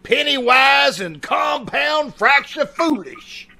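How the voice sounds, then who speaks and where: A woman's voice: high voice, expressive, slow pace, pushed and bright, heavily acted. A woman playing a pompous, sardonic small-town doctor in old-time radio comedy, wry and theatrical.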